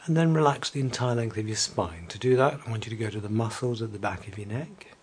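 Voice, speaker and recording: Male relaxation guide, low soothing voice with whispered passages, faint background hum. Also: expressive. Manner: slow, soothing, drifting into soft whispers.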